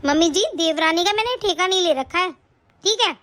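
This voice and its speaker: A woman's voice: very high voice, fairly quick, fairly bright tone. A woman voicing a lazy, quarrelsome elder daughter-in-law in a cartoon story, whiny and always complaining. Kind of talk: cartoon voice acting.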